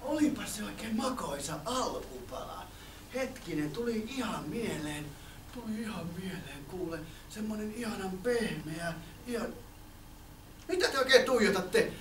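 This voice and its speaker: A man's voice: sits high, expressive, noisy background. A man voicing a sly, boastful big bad wolf who chuckles as he tells his tales. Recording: echoey room from far off.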